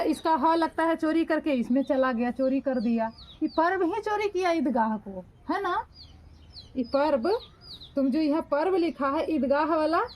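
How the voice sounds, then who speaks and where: A woman home tutor, slowly correcting a dictation and spelling words out syllable by syllable. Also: high-pitched, darkish tone, slight background noise.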